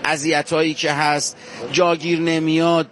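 A male field reporter with a slightly raised pitch speaks with fervent emphasis, turning from the camera audience to the families he meets. He stays outdoors among walking pilgrims, and his delivery is firm and heartfelt. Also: flat delivery, a bit bright. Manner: fervent, emphatic, addresses viewers directly. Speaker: on-location reporter. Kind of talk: street interview on a pilgrimage walk.

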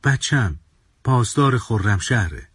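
A man voicing a frail, grieving old man with an Arabic accent in an audio story, with a husky, weary sound. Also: fairly low pitch, very animated, fairly bright tone, dry recording, studio quality, heavily acted.

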